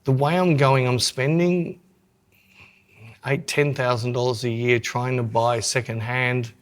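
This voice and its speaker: A man's voice: medium pitch, fairly even intonation, measured pace. A man with an Australian accent co-hosting a podcast, chatting casually in a rambling way. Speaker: podcast co-host.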